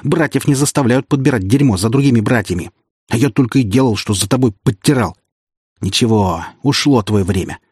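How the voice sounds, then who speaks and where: A man's voice: mid-range voice, fairly quick, a little mellow, slightly rough, no room sound, studio quality, natural voice. A male audiobook reader voicing a gloating treacherous middle-aged security chief who mocks and sneers. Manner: sneering, mocking. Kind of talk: audiobook character voice.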